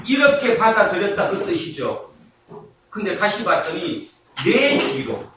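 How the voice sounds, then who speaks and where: A male pastor preaching a sermon, firing rhetorical questions at the congregation, drawing key words out slowly and laughing and shouting for emphasis. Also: high voice, very animated. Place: church sanctuary. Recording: echoey hall, mic far off, noisy.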